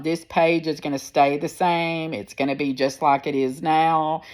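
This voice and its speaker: Speaking into a phone, a woman in her sixties shares personal stories with her viewers. She is a vlogger with a deep, firm voice, plain-spoken and frank, and she tends to ramble somewhat.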